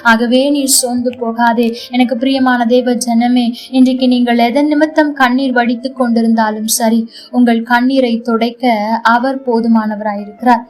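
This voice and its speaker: A woman with a Tamil accent preaching a devotional sermon in a gentle, comforting pastoral manner. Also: a little high, fairly even intonation, moderate pace, rough recording.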